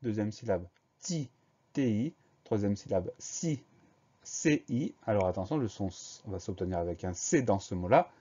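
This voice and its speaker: A man's voice: lowish voice, lively intonation, moderate pace, few pauses, dark tone, highs cut off. A man teaching a spelling lesson, carefully spelling out words letter by letter.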